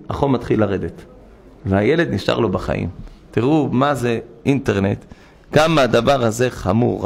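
A man's voice: medium pitch, gravelly. A man, a rabbi, giving a synagogue sermon full of vivid stories, voicing the people in them. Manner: animated storytelling, voices the people in his stories.

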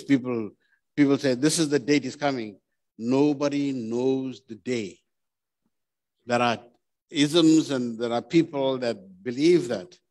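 A man's voice: medium pitch, darkish tone. A man preaches a sermon in a church, speaking plainly and earnestly. He keeps turning to the congregation with direct questions, his voice sitting in an ordinary middle register. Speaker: pastor.

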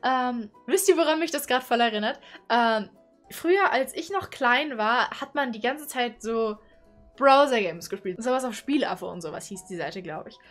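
A woman's voice: on the high side, normal speed, faint music behind. A woman of twenty-one, chatty and playful, commenting casually from a small bedroom into a condenser mic. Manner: chatty, playful, exclaims and giggles. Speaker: YouTuber. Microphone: studio condenser mic on boom arm.

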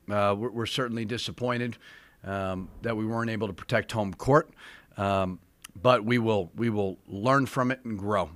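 A middle-aged man, a head basketball coach, answering press questions at a desk mic in a firm, plain-spoken, measured way. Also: on the low side, a bit bright, no echo. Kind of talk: postgame press conference answers. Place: press room with sponsor backdrop, indoors.

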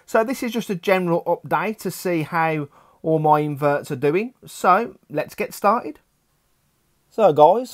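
A man's voice: fairly high pitch, no room sound, studio quality. A man with an Australian accent, an adult father, giving a casual and chatty update on his collection with many fillers. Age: adult with children. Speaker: hobbyist vlogger.

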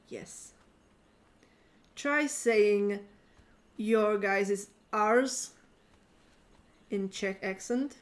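Slow, playful woman streamer chatting. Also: medium pitch. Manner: playful, teasing, talks to chat. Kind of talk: casual live-stream chat while gaming.

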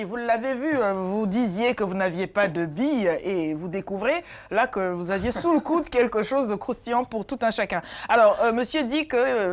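A middle-aged woman hosting a live TV talk show in a studio, lively and playful, with a lapel mic. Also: medium pitch. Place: TV studio, indoors.

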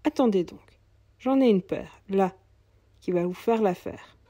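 A kind old shoemaker in a storybook tale, played by a woman, coaxing and fatherly. The delivery is slow and husky, recorded dry. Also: mid-range voice, warm tone, no room sound, close to an everyday voice. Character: kindly old male cobbler, gentle.

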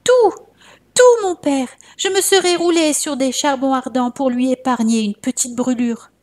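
A woman voicing a grieving young mother who pleads in high, desperate cries. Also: unhurried, a little mellow. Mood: pleading.

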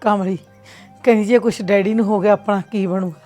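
A woman's voice: fairly high pitch, moderate pace, faint music behind, natural voice. An actress with a Punjabi accent playing a mother who speaks scornfully of her husband and scolds her daughter. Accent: Punjabi (Malwa). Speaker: actor in a short film.

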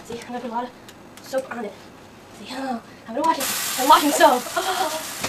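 A woman's voice: high voice, a little fast, crowd noise. A young woman playing a hyper twelve-year-old boy obsessed with sugar, giddy and repetitive in a homemade comedy skit. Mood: silly.

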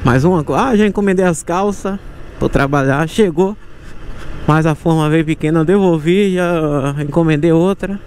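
A man's voice: a little high, moderate pace. A man in his thirties with a Bahian accent from Salvador, chatting casually and slangily as a motorcycle taxi vlogger. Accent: Bahian Brazilian Portuguese, Salvador. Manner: slangy, animated street talk. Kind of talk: casual vlog chat. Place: outdoors on city streets, mostly riding a motorcycle. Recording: outdoor noise, traffic and vehicle sounds.

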